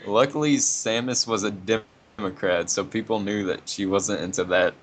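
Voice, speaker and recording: Low-voiced sarcastic young man, slightly noisy recording. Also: normal speed. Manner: sarcastic, breaks off to mock the text. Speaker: co-reader of a dramatic fan fiction reading. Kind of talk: casual read-aloud with mocking asides.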